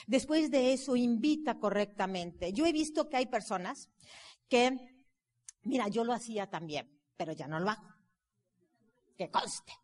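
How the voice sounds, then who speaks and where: A woman's voice: a little high, expressive, unhurried, pauses often, darkish tone. Emphatic woman in a reverberant hall. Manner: emphatic, builds up through repeated phrases. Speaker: network marketing speaker. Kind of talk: motivational seminar talk. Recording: long hall reverb from a live talk.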